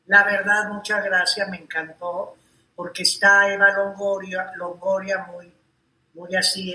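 Bright woman, echoey room. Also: lowish voice. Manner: animated storyteller, slangy and teasing. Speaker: gossip show co-host. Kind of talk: casual showbiz gossip chat.

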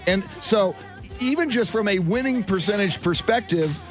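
A man co-hosting a sports talk show, casual and halting, repeating words as he reasons. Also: high voice, lively intonation, soft background music. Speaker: sports radio co-host.

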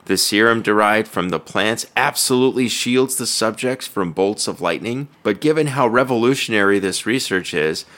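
A man's voice: on the low side, normal speed, hardly any pauses, a bit bright. A man reading a scripted fantasy story as narrator, in a dramatic storytelling style.

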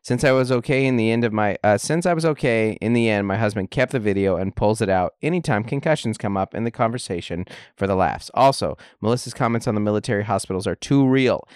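A man's voice: fairly low pitch, quick pace, few pauses, a little mellow, smooth, no echo, clean studio sound. A man co-hosting a casual podcast, chatting and reading listener emails aloud with easygoing asides. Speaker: podcast co-host.

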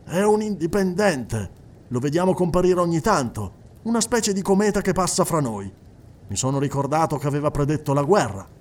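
A man voicing a big, practical male chairman who talks in a hearty, brisk way. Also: on the high side, animated, darkish tone, lightly acted. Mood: dry.

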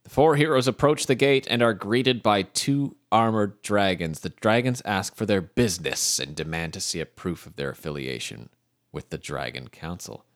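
Young male narrator, very low-pitched, reads game text aloud with a laid-back joking tone. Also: moderate pace. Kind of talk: reading out AI-generated game narration.

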